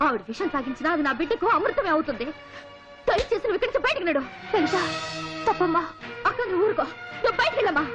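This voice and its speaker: A woman's voice: very high-pitched, big pitch swings, racing. An actress playing a loyal young wife who firmly defends her sister. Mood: indignant. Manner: indignant, firm. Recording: dull film audio with music.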